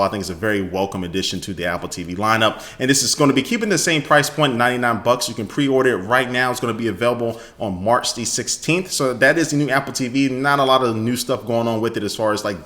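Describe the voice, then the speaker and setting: A man from the United States runs through a casual tech news recap. His voice sits on the lower side and he talks at a fast clip, full of enthusiasm and quick filler words. He speaks close to the mic. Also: a bit bright. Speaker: tech video host.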